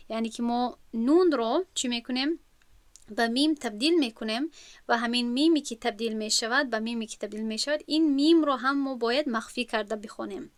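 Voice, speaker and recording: A woman's voice: on the high side, no echo. A woman with a Tajik accent, teaching an online lesson on recitation rules and drawing out example words with care. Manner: slow, careful, drawn-out demonstration of words.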